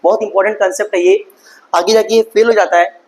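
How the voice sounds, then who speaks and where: A high-voiced man teaches an online lesson. He mixes English terms into his talk and reads English sentences out slowly. He keeps asking his students questions and then answers them himself. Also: steady tone, poor audio. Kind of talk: online class lecture.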